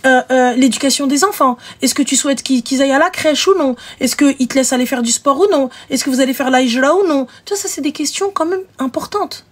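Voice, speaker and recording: A woman hosting a live show, giving frank, animated relationship advice and acting out little scenes. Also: sits high, fairly quick, hardly any pauses. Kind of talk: casual advice chat.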